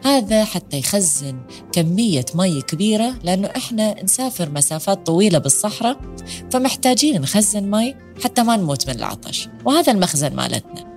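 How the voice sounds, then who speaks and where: A woman's voice: mid-range voice, sing-song, brisk, a little mellow, faint music behind, voice pushed up. A woman voicing a mother camel who patiently explains things to her child.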